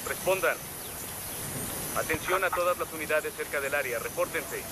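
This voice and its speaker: Through clear background noise comes an actor as a male police dispatcher, his voice somewhat high. He calls units in clipped, procedural radio phrases, all business. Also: normal speed, close to an everyday voice. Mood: businesslike, urgent.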